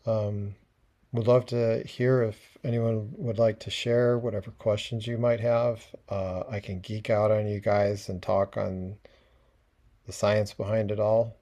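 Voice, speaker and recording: A man speaks in a relaxed, conversational way, pausing often with small fillers. His voice sits low and sounds mellow and warm. It comes through the kind of microphone used on a video call. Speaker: webinar presenter. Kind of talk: casual educational talk.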